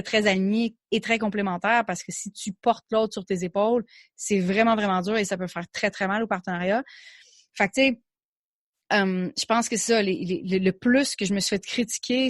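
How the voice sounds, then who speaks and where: A woman's voice: medium pitch, no room sound. A young adult woman with a Québécois French accent, a podcast guest talking candidly and chattily, slipping in English words and restarting her sentences. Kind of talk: casual interview chat.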